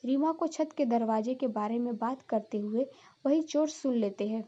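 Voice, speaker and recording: A woman's voice: a little high, normal speed, mellow, highs cut off. A woman narrating a cartoon story in plain storytelling style.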